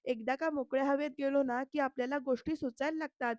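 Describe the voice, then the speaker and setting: A woman's voice: high-pitched, steady tone, fairly quick, no echo, highs cut off, lightly acted. A woman voicing an earnest young man from a TV serial, reading his pleading and coaxing lines in her own voice.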